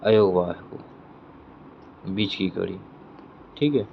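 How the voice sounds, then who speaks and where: Male teacher, exam-prep grammar lesson, repeats each question and answers it, slow deliberate delivery, somewhat low voice. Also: vocal fry. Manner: explains step by step, checking in with "theek hai". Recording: dull lo-fi sound with faint vehicle noise.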